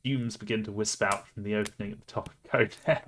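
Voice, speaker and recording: A man's voice: fairly low pitch, fairly even intonation, fast, fairly bright tone, slight background noise. A man streaming a game, reading the story aloud with playful, laughing asides.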